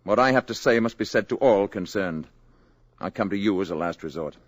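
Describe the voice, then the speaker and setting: An actor playing a calm, grave male alien envoy in human guise, speaking in a measured, formal way in an old radio drama. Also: on the low side, dry recording, studio quality. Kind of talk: 1950s radio acting.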